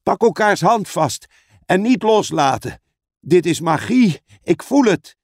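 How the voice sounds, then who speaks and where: A man's voice: a little high, sing-song, slow pace, a little mellow, no room sound, clean studio sound, full character voice. A man voicing a nervous, urgent schoolboy in an audiobook. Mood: alarmed. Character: nervous schoolboy, younger brother. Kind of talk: audiobook reading.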